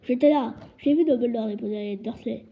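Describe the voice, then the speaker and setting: Woman putting on a big gruff giant, loud and blustering, husky voice, dull lo-fi sound. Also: a little high, fairly quick. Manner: loud, indignant, roaring. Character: huge gruff man, quick-tempered, booming. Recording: dull lo-fi recording.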